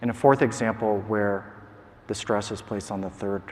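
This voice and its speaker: A man giving a measured, explanatory academic lecture in a large conference hall, with occasional filler sounds. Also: on the low side, steady tone. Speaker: scientist giving a prize lecture.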